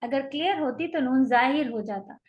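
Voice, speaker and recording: Woman, high voice, teacher, patient explanations, drawn-out modeled sounds, dull lo-fi audio. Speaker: Quran recitation teacher. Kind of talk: online tajweed lecture.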